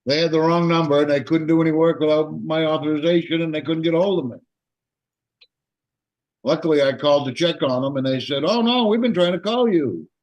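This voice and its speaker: A man's voice: a little high, brisk, darkish tone, highs cut off. A man co-hosting a podcast, chatting casually in a dry, grumbling way. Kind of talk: casual chat.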